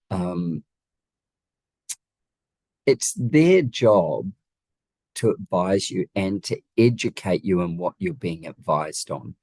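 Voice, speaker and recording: A deep, creaky voice with a darkish tone belongs to a home designer from the Wellington region of New Zealand, here as an interview guest. He answers emphatically and conversationally, making many of his points as rhetorical questions, on a dry recording.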